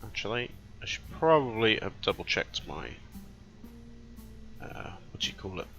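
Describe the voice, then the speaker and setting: Gravelly man rambling over gameplay. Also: fairly low pitch, big pitch swings, normal speed, bright, forceful tone, soft background music. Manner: rambling, thinking aloud with self-corrections. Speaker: let's play host. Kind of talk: casual gameplay commentary. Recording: dull lo-fi recording.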